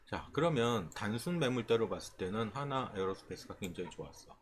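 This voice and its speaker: This stock trading instructor has a lowish, animated voice and speaks a little fast during a casual screen-share lesson on stock charts. He explains as he goes, checking in often with brief rhetorical questions, while faint background noise is audible.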